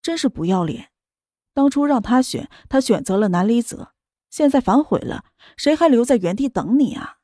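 A worried middle-aged mother from a wealthy family presses with urgent, fretful questions, voiced by a woman narrator. Her tone is mellow rather than bright. The sound is dry and close. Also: on the high side, lively intonation, moderate pace, dry recording. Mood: scornful.

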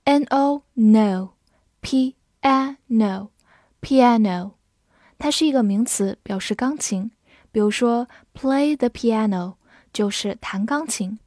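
Woman, English vocabulary teacher, very slow and deliberate, spells words letter by letter, dry close recording. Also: on the high side, darkish tone, no echo. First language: Chinese. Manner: spells words letter by letter and reads example sentences slowly. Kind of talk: slow, clear vocabulary lesson.

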